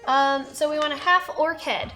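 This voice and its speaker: High-voiced bubbly woman hosting. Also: fairly even intonation, normal speed, sharp tone, faint music behind. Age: 30s. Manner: bubbly and chatty, laughs often. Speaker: stream host. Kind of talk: casual chat while painting miniatures. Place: studio set with a table.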